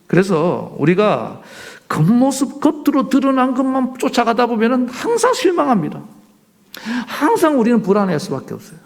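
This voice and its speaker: Guy preaching in church, gravelly, pitch swings all over, keeps asking the room questions. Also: normal speed. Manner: animated preaching with rhetorical questions to the congregation. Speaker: pastor. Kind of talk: sermon. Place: church sanctuary.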